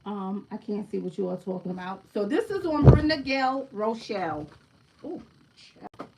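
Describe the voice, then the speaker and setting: A woman with a gravelly, mid-range voice chats through an oracle card reading on a livestream at normal speed, frequently adding "right?" and addressing everyone as "family." She's recorded from afar, amid heavy background noise.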